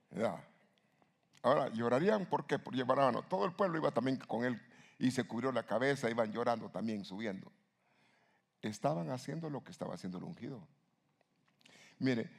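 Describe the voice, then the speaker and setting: Gravelly-voiced man preaching emphatically. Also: medium pitch. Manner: emphatic preaching with sudden loud rises and rhetorical questions. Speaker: pastor. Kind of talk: sermon.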